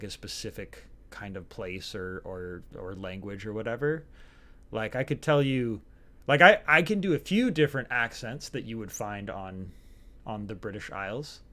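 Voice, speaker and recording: A man's voice: on the low side, fairly bright tone. A man giving casual, rambling commentary while playing a video game, with many filler words.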